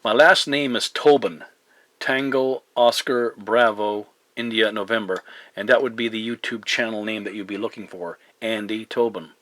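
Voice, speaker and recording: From his home radio desk in Newfoundland, a man makes casual CB contact, polite and a bit hesitant, with procedure words and phonetic-alphabet spelling. His voice is lowish and fairly bright, with fairly even intonation at normal speed. He makes videos too, filming with a camera pointed at the radio.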